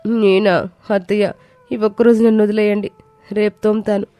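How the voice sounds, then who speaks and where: A woman's voice: mid-range voice, little pitch movement, moderate pace, warm tone, no room sound, faint music behind, close to an everyday voice. A woman voicing a young daughter-in-law in a cartoon story who pleads and whines about chores. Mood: whiny. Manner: whiny, pleading.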